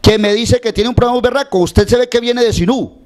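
A brash Colombian snake-oil healer with a Paisa accent, acted by a male comedian, works his crowd in a high voice. The mock-serious, teasing hawker's patter comes out fast and declamatory, straight into a handheld mic. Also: darkish tone. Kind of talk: comic street-hawker monologue. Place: small indoor space before a show banner. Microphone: handheld microphone held close.

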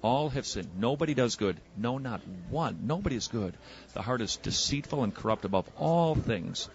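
A man debating religion on the street as an evangelist and radio host, pressing with quick probing questions. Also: medium pitch, expressive, lo-fi sound. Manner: probing, rapid-fire questioning. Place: outdoors on a city street.

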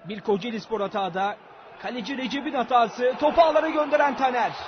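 A man's voice: extremely high pitch, fast talker. A man commentating live on a football match, calling goals and passes. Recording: dull lo-fi broadcast, crowd and noise. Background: stadium crowd.

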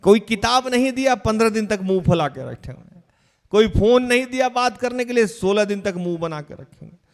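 A man's voice: sits high, lively intonation, brisk. A man preaching a sermon, telling a story with animation and asking his listeners questions. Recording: long hall reverb.

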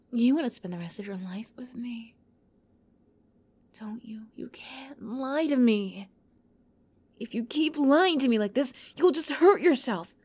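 Right up against the mic, a woman performs an ASMR roleplay as a young, obsessive yandere captor. Her delivery shifts back and forth between hushed whispers and giddy, high bursts.

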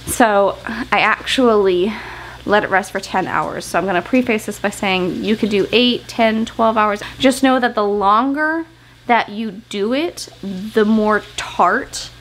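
In her home kitchen, a woman in her thirties gives a casual step-by-step cooking tutorial, chatting to the camera as she works. This homesteading vlogger speaks a little slowly in a medium-pitched voice. The audio is poor, with slight background noise.

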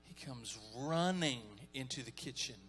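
A man's voice: mid-range voice, measured pace, a bit bright, slight background noise. A man preaching a folksy, conversational sermon as pastor, calling on the congregation to respond.

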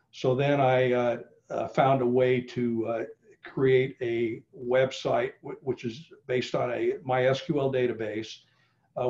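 A man's voice: medium pitch, darkish tone. A middle-aged man giving a casual online presentation, with many fillers and restarts, speaking over a video call. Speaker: genealogy presenter. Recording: slightly dull video call audio.

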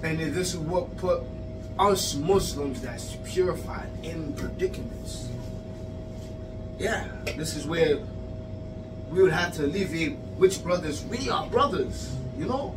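A man's voice: on the high side, animated, measured pace. A young man in a small pizza shop talking loosely in slang, with casual swearing. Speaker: interviewee. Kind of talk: casual street conversation. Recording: distant mic, music behind.

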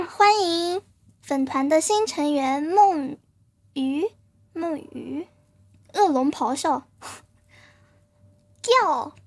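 A woman's voice: high-pitched, expressive, very slow, pauses often. A woman streamer chatting casually and playfully with her live viewers, often giggling and thanking them.

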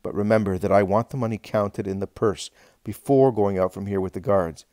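A man's voice: on the low side, a little fast, mellow, dry recording, clean studio sound, close to an everyday voice. A man reading aloud the lines of a bitter, greedy male betrayer. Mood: tense. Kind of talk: reading a religious text aloud.

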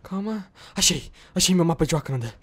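A young Brazilian man hosting excited Minecraft role-play commentary, yelping and laughing often. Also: high voice, a little fast, crowd noise. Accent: Brazilian Portuguese. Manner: animated, yelps and laughs often. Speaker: host.

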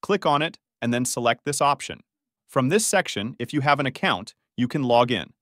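A man talks through a software tutorial, his pitch moving in a lively way. He explains each step plainly and in order. The sound is close and dry, with no room echo. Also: normal speed. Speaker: tutorial narrator. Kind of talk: screen-recording tutorial narration.

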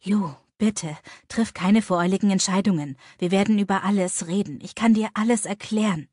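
A woman voicing a tender, earnest young man in a romance audiobook, speaking low, soft and reassuring. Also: steady tone, measured pace, breathy edge, no echo, studio quality, full character voice. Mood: pleading.

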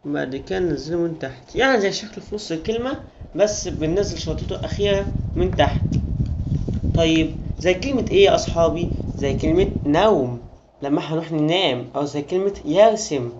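A man's voice: fairly high pitch, fairly quick. A man with an Egyptian Arabic accent, a student tutor giving a friendly, coaxing handwriting lesson to young children. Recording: muffled with steady hiss.

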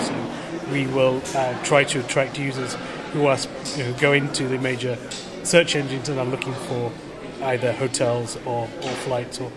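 A man in his thirties, a company executive giving a conference interview in a measured, polished way, often restarting words. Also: mid-range voice. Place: large indoor conference hall. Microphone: handheld camera close to the face.

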